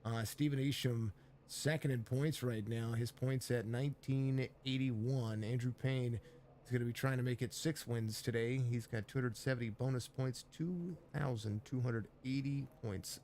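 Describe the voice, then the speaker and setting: This man's voice is medium in pitch, a little slow and a little mellow, with slight hiss or hum in the recording. As a race commentator and stream host with laryngitis, he sounds hoarse while rambling through the grid on a live sim racing stream, greeting chat viewers amid many fillers and restarts.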